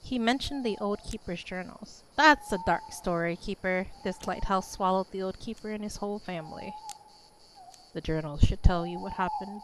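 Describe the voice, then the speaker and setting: A woman's voice: medium pitch, lightly acted. A woman voicing a worried old village elder man, weary and pleading, on a noisy recording. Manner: weary, pleading, then gruff.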